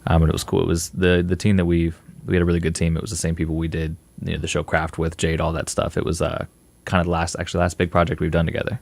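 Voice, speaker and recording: A young man being interviewed as a filmmaker guest, answering in a relaxed, rambling way with fillers. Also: sits low, quick pace, vocal fry.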